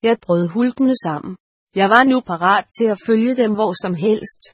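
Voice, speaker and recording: A woman narrates a story in a calm, measured way. Her voice is a little husky and sits at a middle pitch. The sound is dry and close, with no room around it. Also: no room sound. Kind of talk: scripted narration.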